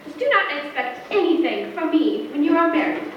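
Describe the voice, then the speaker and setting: A woman's voice: high voice, lively intonation, moderate pace. A woman acting a stern, bossy, disapproving rich old aunt in a stage play, with a formal scolding manner. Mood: scolding, dismissive. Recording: distant, echoey theatre, noisy dull sound.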